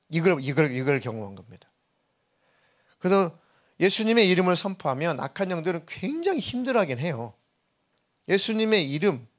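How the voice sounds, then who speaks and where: A middle-aged male pastor delivers an earnest sermon. His voice sits a little high for a man. He now and then acts out the voices he quotes. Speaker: senior pastor.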